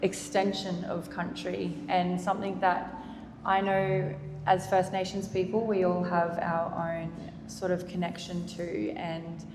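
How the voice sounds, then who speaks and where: An Australian woman moderating a public panel conversation in a gallery, speaking in an earnest, measured and formal way. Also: fairly low pitch, level tone. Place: gallery event space. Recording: roomy hall reverb, faint noise.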